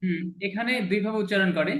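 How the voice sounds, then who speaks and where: A man's voice: high-pitched, fast, fairly bright tone, echoey room. A man teaching English letter sounds in an online lesson, patiently repeating each sound for his student. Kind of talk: online alphabet pronunciation lesson.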